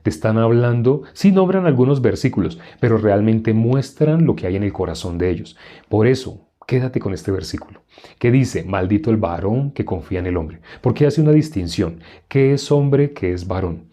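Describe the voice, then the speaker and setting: A man preaching a sermon, teaching from the Bible with rhetorical questions and quoting scripture in a quieter, lower voice. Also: expressive, moderate pace.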